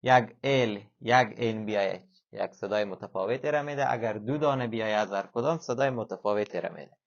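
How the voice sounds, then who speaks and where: A man teaching a language lesson, patiently repeating example words slowly several times. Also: on the low side, vocal fry. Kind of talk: classroom-style language lesson. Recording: slightly dull lo-fi sound.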